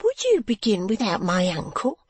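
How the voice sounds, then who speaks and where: A man voicing a fussy, self-important married woman of Victorian London who gushes and frets in a high voice. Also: huge pitch swings, moderate pace, breathy edge, dry recording, exaggerated voice. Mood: fretful, gushing. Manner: gushing, shrill, fawning.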